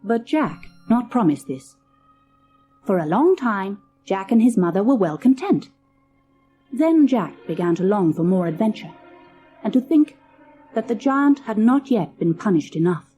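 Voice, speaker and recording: A woman narrating a children's fairy tale from a storybook cassette in a measured, expressive reading. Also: mid-range voice, faint music behind.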